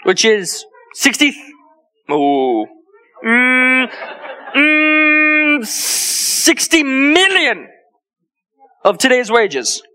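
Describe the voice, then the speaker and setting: An eccentric German currency scholar in a comic live skit, played by a woman. The voice is high and bright, with a put-on German accent and R's that never come out right. The doctor is boastful, scatterbrained and quick to get testy. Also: sing-song, exaggerated voice. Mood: strained, scatterbrained. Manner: cannot pronounce R's.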